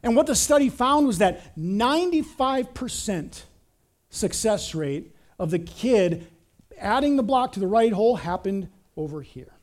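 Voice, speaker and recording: Animated high-voiced male pastor preaching. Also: unhurried. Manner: animated storytelling, repeats words, acts out quotes. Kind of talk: sermon.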